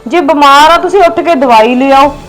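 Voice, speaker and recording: A woman's voice: sits high, normal speed, a bit bright, faint music behind, rough recording. A young woman with a Punjabi accent, playing a pushy, curt younger daughter-in-law in a family skit. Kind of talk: scripted family drama acting.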